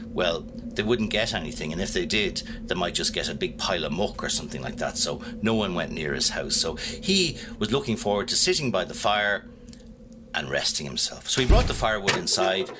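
A man with an Irish accent telling a folk tale, lively and dramatic, rising for suspense. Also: deep voice, background noise. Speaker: storyteller. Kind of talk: spoken folk tale for listeners.

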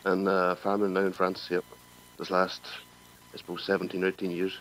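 A man with a Donegal Irish accent talking casually and haltingly, often repeating words, as an interview guest. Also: low-pitched, completely flat delivery, fairly bright tone. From County Donegal, Ireland. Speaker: radio phone-in guest, farmer. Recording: dull telephone line.

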